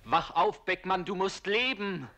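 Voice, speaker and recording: A man's voice: high voice, animated, unhurried, sharp tone, pitched above the performer's own voice, heavily acted. A man voicing the Other, an insistent male yes-sayer who urges a despairing soldier to live, in a dramatic reading of a stage play. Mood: urgent, coaxing. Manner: urgent, coaxing, insistent.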